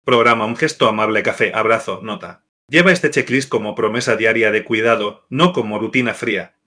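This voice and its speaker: A man whose voice is on the low side reads scripted devotional marriage advice. He keeps an even, measured pace suited to reading a list.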